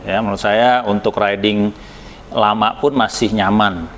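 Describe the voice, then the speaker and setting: An Indonesian man from a helmet shop gives a casual, conversational product review, hesitating as he talks and slipping in occasional English words. His voice is fairly low with fairly even intonation and a moderate pace, over a little hiss or hum.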